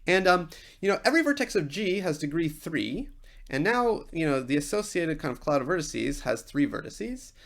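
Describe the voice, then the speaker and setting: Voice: medium pitch, big pitch swings, normal speed. A university lecturer giving an informal technical explanation, thinking aloud with small asides along the way.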